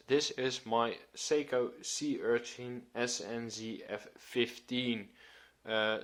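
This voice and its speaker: A man of twenty hosting his own channel, giving a relaxed, filler-filled watch review. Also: mid-range voice. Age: 20s. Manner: relaxed, hesitant with many fillers. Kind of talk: casual video review.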